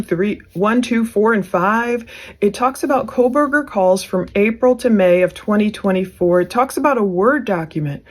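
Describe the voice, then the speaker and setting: A woman giving casual, conversational commentary on case documents, with speculative asides, as a true crime commentator. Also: medium pitch.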